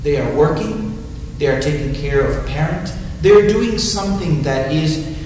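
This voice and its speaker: A middle-aged pastor from Mexico answering interview questions in a measured, halting way, with frequent restarts. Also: male voice, on the high side, a little mellow. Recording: echoey room, distant mic, noisy.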